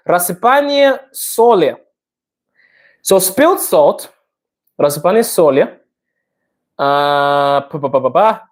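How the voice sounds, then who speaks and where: A woman live-streamer, a native English speaker with an English-speaking accent in Russian, chats casually and playfully with viewers, sounding out Russian words haltingly and slipping into English. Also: lowish voice, a little mellow. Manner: playful, self-deprecating.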